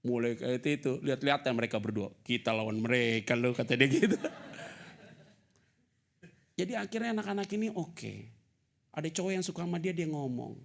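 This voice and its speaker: A middle-aged male pastor preaching at a church service, moving between loud, high-pitched emphasis and quiet, low, fatherly asides, with casual slang mixed in. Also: sing-song, a little fast, creaky, long pauses. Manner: mixes casual slang and English words into his talk. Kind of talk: sermon.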